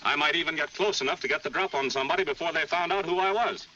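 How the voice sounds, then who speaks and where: Casting: terse American cowboy, very hard-edged bright voice, 1940s western, muffled soundtrack. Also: male voice, fairly high pitch, fast talker, distant mic. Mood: cool, wary. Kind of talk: 1940s western film acting. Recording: dull old film soundtrack, faint noise.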